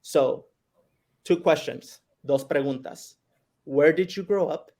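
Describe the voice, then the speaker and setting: A man's voice: fairly high pitch, takes it slowly, darkish tone. Enthusiastic man hosting a live interview. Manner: enthusiastic, switches into Spanish phrases. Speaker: host. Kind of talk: livestream interview.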